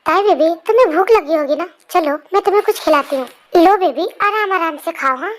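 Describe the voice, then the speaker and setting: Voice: very high voice, brisk, a bit bright, slight background noise. A young performer voicing a doting, fussy mother of two boys in an amateur fan dub. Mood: tender. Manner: affectionate, scolding by turns.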